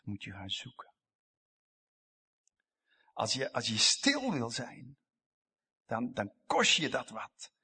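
A man delivering a sermon in a slow, deliberate way. His voice is bright and slightly husky, pitched a little high. He swings between emphatic loud lines and hushed whispers. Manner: emphatic, rising to loud passages and dropping to whispers. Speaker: pastor.

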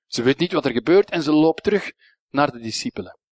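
A man with a Flemish accent preaching a sermon, swinging between hushed, quiet passages and emphatic, raised lines. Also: on the high side, lively intonation, fairly quick, no echo.

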